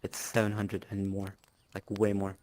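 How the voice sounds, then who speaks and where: Boastful man with a flat, lowish voice. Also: normal speed. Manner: boastful, casual, with filler words and laughs. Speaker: interviewee, clan leader. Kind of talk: casual interview chat.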